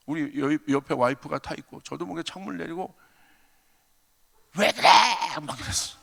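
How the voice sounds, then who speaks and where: A man's voice: fairly high pitch, creaky, fairly bright tone. A male pastor preaching a revival sermon in a church, emphatic, calling out hallelujahs and telling stories. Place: church sanctuary. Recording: long church hall reverb.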